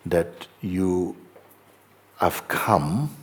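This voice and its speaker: A middle-aged man, a spiritual teacher, gently and slowly guiding a meditation talk in a hall before a live audience. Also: deep voice. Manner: slow, gentle, repetitive, hesitant.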